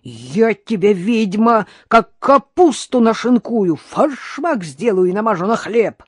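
A furious, foul-mouthed woman hurls insults and threats at the top of her voice, pitched high and hard, as a woman narrator puts her on. She stays stubborn and aggressive in a dry, close audiobook recording. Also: huge pitch swings, slow, dark tone, no room sound, exaggerated voice.

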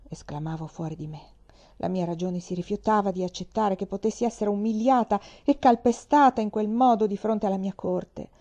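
Female narrator for a historical novel, warm and expressive, mid pitch. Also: lo-fi sound. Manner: expressive first-person narration. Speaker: reader. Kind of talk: dramatic reading of a novel.

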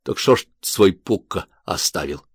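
A man reading a story and voicing a calm, grey-haired older soldier who speaks with steady, dry irony. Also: sits low, a little slow, breathy edge, no room sound, full character voice. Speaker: corporal in a war story. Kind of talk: audiobook character voice.

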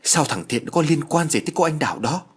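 A sharp-tongued elder sister in an audio story scolds in a shrill voice, as a man puts her on. The voice is high, husky and lively. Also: a little fast. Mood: agitated.

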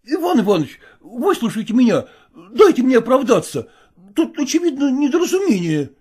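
Storybook, woman doing a flustered young man, pleading, lively. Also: sits high, fairly quick, husky, exaggerated voice. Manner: pleading, defensive.

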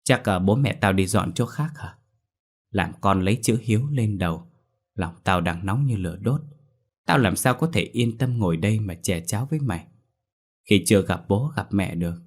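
A man's voice: fairly low pitch, lively intonation, normal speed. A man voicing a young male exorcist in his thirties, anxious and blunt, in a storybook reading. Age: 30s.

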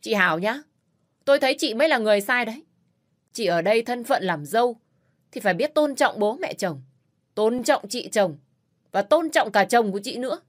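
A woman doing a harsh, short-tempered old father-in-law. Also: on the high side. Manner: barking, scolding.

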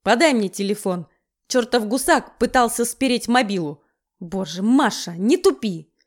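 A woman's voice: a little high, lively intonation, moderate pace. A woman voicing an irritable middle-aged man who talks in curt, barking orders. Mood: gruff. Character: gruff, irritable middle-aged man, future father-in-law.

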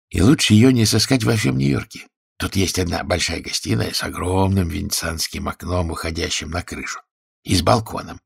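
A man's voice: sits low, creaky, husky, exaggerated voice. A man reading a story aloud and voicing a reformed male crook who speaks fondly and coaxingly to his fiancée. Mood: doting. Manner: fond, gently coaxing. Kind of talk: audiobook character voice.

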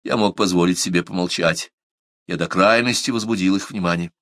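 A man narrating a novel in the first person as an audiobook, with a measured, even delivery. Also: sits low, no echo.

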